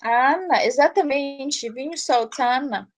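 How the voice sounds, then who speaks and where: High-voiced slow careful woman teacher. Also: slight background noise. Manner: slow, careful word-by-word pronunciation; explains patiently, checks with "né?". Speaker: language teacher. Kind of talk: online language lesson.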